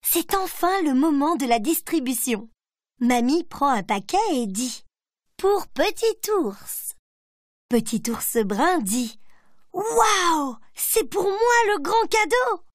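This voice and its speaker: A woman reads a children's picture-book story in short, gentle sentences. Her voice sits fairly high and moves slowly, recorded close and dry. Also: no echo. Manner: simple, gentle storybook reading. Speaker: narrator. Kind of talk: scripted children's story narration.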